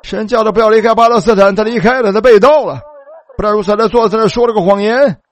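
A man's voice: high-pitched, fast. A man preaching a sermon, telling the story animatedly and calling out hallelujah.

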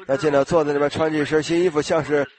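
A slightly hoarse man preaching an informal sermon, talking conversationally to his congregation and asking them questions. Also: fairly high pitch, flat delivery, racing, a crowd in the background.

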